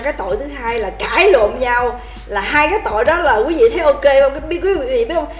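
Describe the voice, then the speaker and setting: High-voiced woman, echoey. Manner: animated, laughing often, calls out toasts. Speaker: livestream host telling drinking stories to viewers. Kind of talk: casual storytelling chat.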